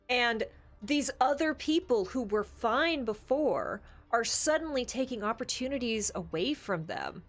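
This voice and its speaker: This woman co-hosts a podcast talk show, and her voice is high-pitched with a fairly bright tone. She argues her opinions casually and emphatically in an opinionated, chatty discussion.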